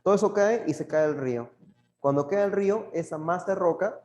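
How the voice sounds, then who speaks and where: A man's voice: high-pitched, brisk, darkish tone. A young man with a Peruvian Spanish accent teaching geography live, reading viewers' questions and joking with them. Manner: jokey, laughs often, talks back to chat. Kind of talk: live online class reading chat questions. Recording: roomy, dull lo-fi stream audio.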